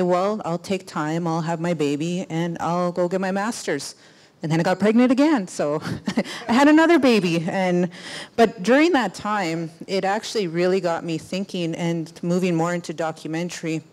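A filmmaker in her thirties tells a personal story during a panel discussion on the stage of a cinema auditorium. Her voice is low and a little mellow, picked up by a handheld microphone held close, and the recording is rough.

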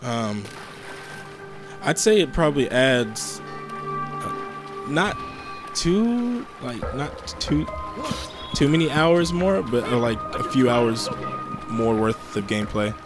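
A man's voice: medium pitch, sing-song, takes it slowly, pauses often, music in the background. A young man giving casual, rambling, joking commentary while playing a video game. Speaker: gameplay host.

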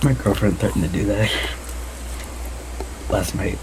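Low-voiced young man with dry comebacks. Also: measured pace, noisy background. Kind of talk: casual gaming chat with friends.

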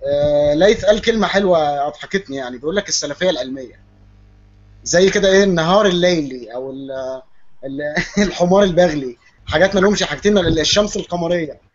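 A man with an Egyptian Arabic accent speaking as a guest in an online panel discussion over an internet call. He talks briskly, with a mocking edge. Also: fairly high pitch, slight background noise. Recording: dull lo-fi call audio.

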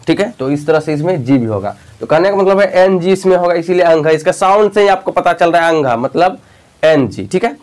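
A man's voice: fairly high pitch, a little mellow. A male teacher explaining a lesson patiently, often checking in with the listener and repeating key points. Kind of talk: spoken lesson.

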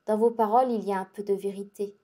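A woman reading the part of a gentle, grave young male monk, speaking in a quiet, calm and restrained way. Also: fairly high pitch, normal speed, breathy edge. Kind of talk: dramatic audiobook reading.

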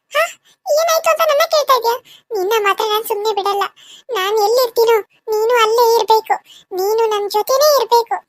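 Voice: extremely high pitch, fairly bright tone, no room sound. A performer voicing a vengeful female ghost, a murdered second wife, who taunts and accuses her killer in a cartoon serial. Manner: accusing, taunting, drawn-out wails.

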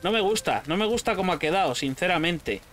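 Spanish guy from spain yelling at his game pets, high voice that bounces around a lot, swears a bunch. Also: brisk, faint music behind. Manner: excitable, shouting at animals, swears freely. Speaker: gaming channel host. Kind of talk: casual gameplay commentary.

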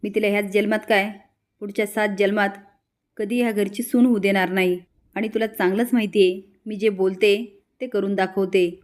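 A woman's voice: mid-range voice, steady tone, moderate pace, natural voice. Woman doing a stern proud mother-in-law, firm and cold. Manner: firm, vowing.

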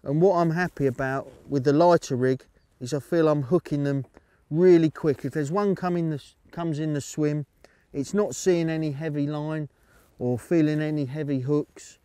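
A middle-aged man calmly explaining his fishing method outdoors at a lakeside, speaking steadily into a lapel mic. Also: on the high side, moderate pace, smooth, dry recording. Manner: calm, steady, explaining as he fishes. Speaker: angling coach.

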